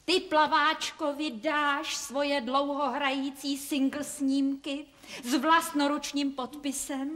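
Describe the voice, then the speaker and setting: A woman's voice: high-pitched, fairly even intonation, fairly bright tone, in a large hall. A woman in a televised cabaret sketch playing a coaxing, motherly character who turns stern. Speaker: comic actress in a sketch.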